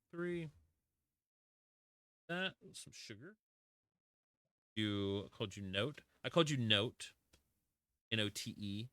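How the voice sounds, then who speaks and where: A man's voice: on the low side, gravelly, dry recording. A man chatting casually with his live-stream chat while playing a block-building game, greeting viewers and joking about himself. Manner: chatty, self-deprecating, greets chat warmly.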